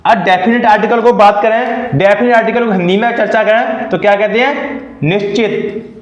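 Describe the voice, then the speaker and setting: High-voiced male teacher in an echoey room. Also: fairly even intonation, brisk, muffled recording. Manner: repeats questions and answers them himself. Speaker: English teacher. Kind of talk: classroom lesson.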